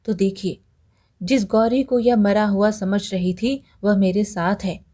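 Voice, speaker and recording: Determined young woodcutter, urgent and loyal, voiced by a woman storyteller, warm tone. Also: medium pitch, fairly even intonation, a little slow, natural voice. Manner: urgent, pleading.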